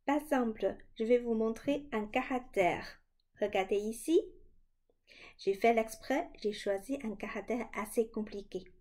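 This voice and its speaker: Woman w/ teaching kids, slow and patient, bit high voice. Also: a little mellow. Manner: slow and clear, demonstrating sounds. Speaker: Chinese teacher for children. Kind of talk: slow, patient children's language lesson.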